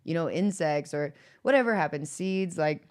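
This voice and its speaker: A woman with a slightly low voice hosts a relaxed podcast chat. She rambles through her ideas and leans on "like" as a filler. She laughs easily while she talks. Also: moderate pace. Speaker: podcast host. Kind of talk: casual podcast conversation.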